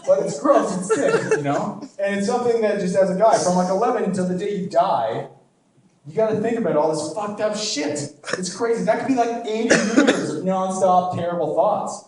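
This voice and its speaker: Young male stand-up from Canada, crude and rambling, high voice, live club sound from a distant mic. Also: normal speed, a little mellow. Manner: rambling, crude, self-deprecating, many "like" and "you know" fillers. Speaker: stand-up comedian. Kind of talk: stand-up comedy set. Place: comedy club. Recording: echoey club, distant mic, crowd laughter.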